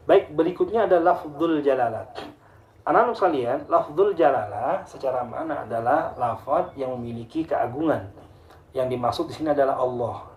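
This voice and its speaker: Patient Indonesian teacher in an echoey room. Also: male voice, fairly high pitch, a little mellow. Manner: patient, repeats and chants Quranic examples slowly. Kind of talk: tajwid lesson for students.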